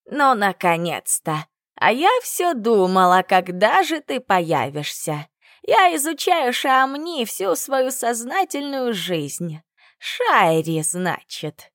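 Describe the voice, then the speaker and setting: A woman voicing a kind, sly elderly grandmother who speaks slowly and tenderly, lower than her narrating voice. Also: very animated, fairly bright tone, dry recording, studio quality. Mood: pleased.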